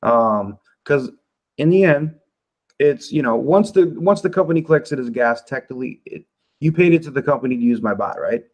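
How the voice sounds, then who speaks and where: A man casually answering community questions on a livestream from his home office, relaxed and laughing often, with loose filler-heavy talk. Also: medium pitch, brisk, rough recording.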